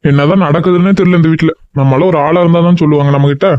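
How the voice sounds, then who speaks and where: Gruff grumbling dad, woman putting on a deep voice, dull dry lo-fi sound. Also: steady tone, fast talker, warm tone, dry recording, natural voice. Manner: grumbling, scolding. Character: middle-aged father, gruff and puzzled.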